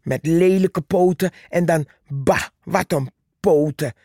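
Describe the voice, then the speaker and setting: Brief: woman reading as a scornful bragging male plant in a storybook, raised pitch, gravelly, unhurried. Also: no room sound, clean studio sound. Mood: boastful. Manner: scornful, shouting taunts. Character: boastful haughty male plant, sneering bully.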